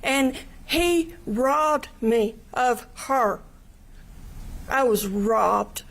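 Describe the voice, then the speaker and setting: High-voiced, slow, angry Southern older woman. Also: expressive, creaky, a little hiss or hum. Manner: angry, blunt, swearing, voice breaking into tears. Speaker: victim's family member giving an impact statement. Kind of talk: emotional courtroom victim impact statement. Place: courtroom.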